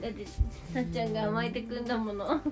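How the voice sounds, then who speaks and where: A woman's voice: fairly high pitch, steady tone, quick pace. A woman talking in a casual conversational style. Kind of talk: casual chat. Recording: music clearly audible behind.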